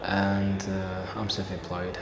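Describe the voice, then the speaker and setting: Speaking slowly in a low, completely flat voice, this interview guest is a Kirundi-speaking man from Burundi who is learning English. He answers earnestly, repeating important phrases, in an echoing room with long reverb and a little background noise.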